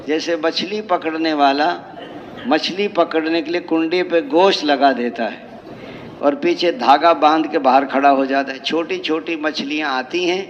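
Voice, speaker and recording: A man's voice: a little high, a little hiss or hum. A man with a Pakistani Urdu accent preaching a sermon at a large mosque gathering, telling parables and stacking emphatic lists. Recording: lo-fi hall recording with long reverb.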